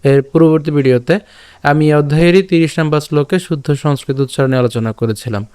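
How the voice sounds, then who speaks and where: A man teaching verse recitation, repeating each line slowly and breaking words into syllables. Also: on the high side, a little mellow, clear, resonant tone. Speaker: Gita teacher. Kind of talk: recitation lesson, slow syllable-by-syllable chanting.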